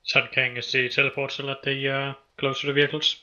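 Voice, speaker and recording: A man's voice: mid-range voice, level tone, a little fast, sharp tone. Man on a muffled game radio. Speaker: player in a team military game.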